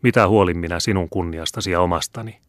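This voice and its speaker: A man's voice: deep voice, no echo, clean studio sound, lightly acted. A man voicing a passionate dying mother who speaks in an impassioned way, in an audiobook. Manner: impassioned, pleading.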